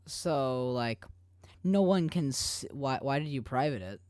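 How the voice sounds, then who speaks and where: A man's voice: medium pitch, lively intonation, unhurried, darkish tone, dry recording. A man streaming live while he animates, chatting casually with viewers in a rambling way, full of restarts.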